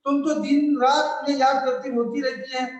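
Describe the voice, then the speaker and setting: A man's voice: extremely high pitch, level tone, moderate pace, pitched above the performer's own voice. Man voicing innocent questioning little boy. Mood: pleading. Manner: pleading, questioning. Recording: echoey room, distant mic.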